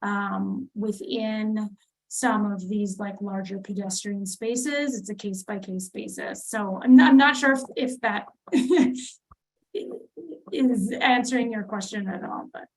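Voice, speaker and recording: A woman's voice: mid-range voice, a little slow, rough recording. A woman presenting a street plan at a public community meeting, talking with many fillers and restarts. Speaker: city transportation planner presenting.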